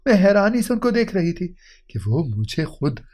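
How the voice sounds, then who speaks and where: A man's voice: high-pitched, sing-song, a little mellow. A man narrating an emotional moral story in an earnest, heartfelt reading.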